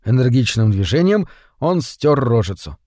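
A man narrating a story in an expressive, scripted way. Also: mid-range voice, moderate pace, no room sound, clean studio sound.

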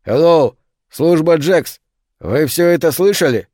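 A man voicing a calm, steady airline captain who speaks in a matter-of-fact way. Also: fairly high pitch, measured pace, no echo, studio quality.

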